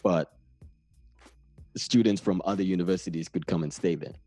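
Low, mellow Namibian man. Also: moderate pace, dry recording, soft background music. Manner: laid-back, rambling storyteller. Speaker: guest. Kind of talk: casual conversation.

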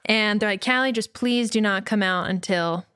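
A woman from New Mexico, a musician being interviewed, telling a story in a lively way and acting out the quotes. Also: medium pitch, moderate pace, clear, resonant tone, no echo, studio quality. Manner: lively, acts out quotes with voices. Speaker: musician guest.

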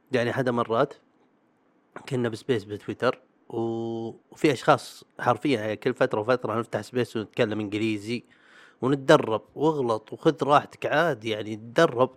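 A young man, talking casually and sarcastically as a host, packing his speech with fillers. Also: medium pitch. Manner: animated and sarcastic, acts out other people's voices; frequent fillers and restarts. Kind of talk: casual monologue.

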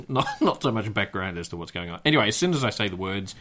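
Joking, lower-voiced man. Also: expressive, quick pace, fairly bright tone. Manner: joking, laughs between phrases. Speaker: podcast host. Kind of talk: casual comedic chat.

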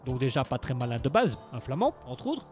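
A man's voice: medium pitch, very animated, brisk, soft background music. A man hosting live radio, chatting through the news in a rambling, sarcastic way, full of fillers and restarts. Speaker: radio host.

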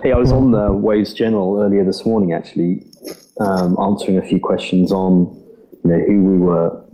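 A man with a mixed British-Australian accent explaining things conversationally as a startup representative, measured, hesitant and diplomatic. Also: low-pitched, steady tone, lo-fi sound.

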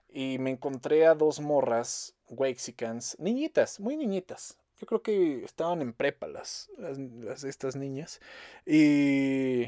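A man's voice: fairly high pitch, dark tone, dry recording, studio quality. A young man with a Mexican accent ranting casually, profane and mocking, joking as he goes. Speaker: commentator. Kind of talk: casual rant.

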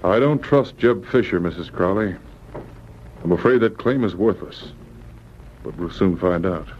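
An actor playing a steady, genial Mountie sergeant with an authoritative manner in an old-time radio drama. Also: male voice, deep voice, unhurried. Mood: grave, doubtful. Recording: muffled, noisy old radio recording.

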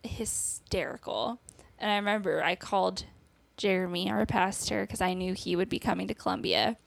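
A woman's voice: mid-range voice, steady tone, moderate pace, vocal fry, dry recording. A young woman guest on a podcast, telling a personal story in casual conversation, laughing nervously and acting out what people said. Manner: acts out quoted dialogue.

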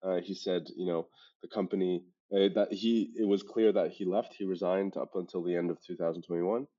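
A man born and raised in Hong Kong, speaking English with an international school accent, tells stories as a startup founder giving interview answers. His delivery is halting, self-correcting and emphatic, pitched low, flat and dark in tone. The conversational audio has a dull lo-fi podcast quality.

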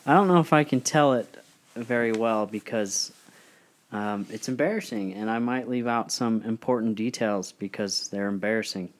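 A man's voice: lowish voice, moderate pace. A young man hosting a casual chat, telling a story about himself with a laughing, self-deprecating manner. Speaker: podcast co-host.

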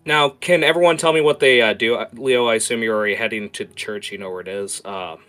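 A man working as game master, improvising narration for a tabletop game in a casual, halting way and prompting players. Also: mid-range voice, a bit bright. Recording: music playing behind.

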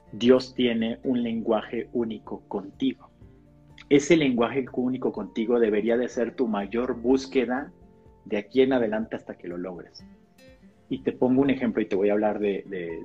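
A man who is a pastor, sharing a personal testimony in a casual podcast conversation, animated and acting out the dialogue. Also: fairly low pitch, breathy edge. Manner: animated storyteller, acts out dialogue. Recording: slightly dull podcast audio with faint guitar music.

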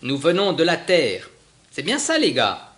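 A guy doing a grinning space captain, raised voice, all excited and chatty, read-aloud story. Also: on the high side, unhurried, voice pushed up, full character voice. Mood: eager. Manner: bright and eager. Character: cheerful eager male spaceship captain.

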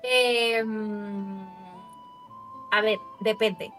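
A young native Russian speaker from Russia chats casually as a guest, often ending sentences with "you know?" and using lots of fillers like "sabes". Her mid-range, slightly bright voice has fairly even intonation and is extremely slow. The recording sounds roomy, with faint music behind.

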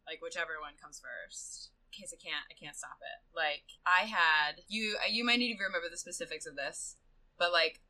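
Gushing bright-voiced woman. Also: fairly low pitch, normal speed, rough recording. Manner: gushing, rambling, lots of "like"; swings between soft asides and excited shrieks. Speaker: podcast co-host. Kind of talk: casual chat.

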